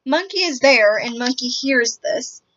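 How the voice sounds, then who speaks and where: A woman giving a picture book summary in a hesitant, halting way, often pausing mid-sentence. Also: sits high, lively intonation, a bit bright, slight background noise. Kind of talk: semi-scripted picture book summary presentation. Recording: dull, lo-fi audio.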